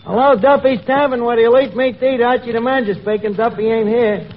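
A man's voice: very high voice, steady tone, quick pace, phone-quality sound. An actor playing a wisecracking male tavern manager who mangles his words, heard as a 1940s radio comedy broadcast. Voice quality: folksy, malaprop-prone, sly delivery. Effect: old radio broadcast sound. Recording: scratchy 1940s radio recording with live audience. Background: studio audience laughter and hiss.

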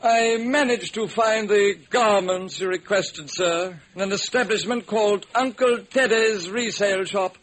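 A man voices a haughty male butler in a vintage radio drama. The voice is raised and slow and stiffly formal. It has a cold, superior edge. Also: high-pitched, a bit bright, a little hiss or hum, voice pushed up, poor audio. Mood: prim. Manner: stiffly formal, then snarling. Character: prim male butler, turns rude. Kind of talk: 1940s radio acting.

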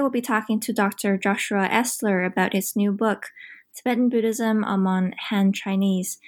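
Female podcast host, polite and measured, scholarly interview. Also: medium pitch. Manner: polite, measured, some ums. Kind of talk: interview hosting.

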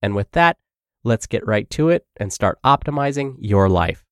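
Congested man narrating with a lively lilt. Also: lowish voice, normal speed, no echo, studio quality. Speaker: podcast host and narrator. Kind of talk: reading a health blog aloud.

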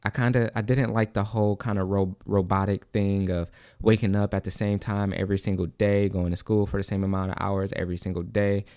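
A man's voice: level tone, fairly quick, mellow, smooth, dry recording, clean studio sound. A young man hosting a casual solo podcast, a little out of breath, rambling and restarting his sentences. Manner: rambling, repeats and restarts, says "like" and "low-key". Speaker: podcast host.

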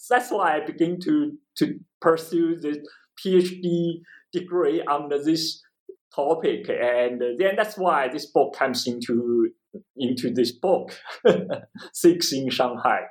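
Speaking slowly in a slightly high voice, a Chinese-accented professor from eastern China describes his work as an interview guest; he's a historian and author. He repeats phrases and keeps checking in with "right?". The recording quality is low.

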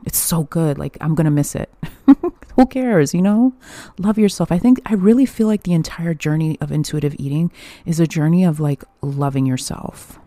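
A woman's voice: sits low, moderate pace, warm tone, dry recording. A young woman hosting a podcast alone, talking candidly and chattily, swearing freely and laughing often. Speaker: podcast host. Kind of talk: casual solo podcast monologue.

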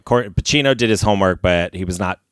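A man with a low voice talks in a loose, casual chat. He hesitates often, reaching for words with "um" and restarting his sentences. The recording is close and dry. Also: fast talker, a bit bright, clean tone, no room sound. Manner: hesitant, many fillers and self-corrections.

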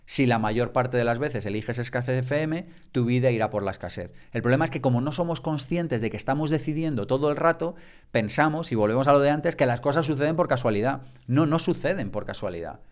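A man's voice: medium pitch, expressive, a little fast. A man, a podcast guest talking reflectively and with emphasis in a conversational way.

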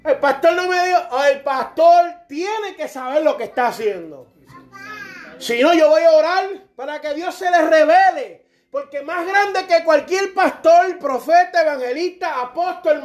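A middle-aged man with a very high voice preaches a sermon at an unhurried pace. He is fervent, impassioned and direct, occasionally slipping into dialogue to act out members of the church.

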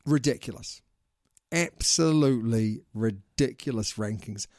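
A man's voice: mid-range voice, unhurried, darkish tone, no echo, studio quality. A man with a New Zealand accent hosting a casual sports podcast, chatting in a slangy, teasing way. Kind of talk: casual chat.

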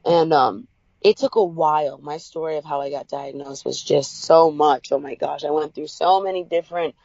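A woman's voice: moderate pace, creaky, a little mellow, no echo, muffled recording. Upbeat woman telling her own story. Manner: upbeat storyteller, acts out quotes with big pitch jumps. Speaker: interview guest. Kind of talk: personal story in a podcast interview.

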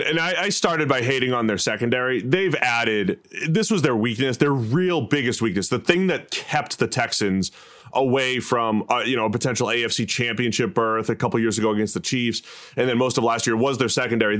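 An American man hosts a sports show in a conversational analyst style. His pitch is in the middle range for a man, and he lays out his points like someone chatting with a colleague. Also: a little fast, a bit bright. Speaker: sports podcast host.

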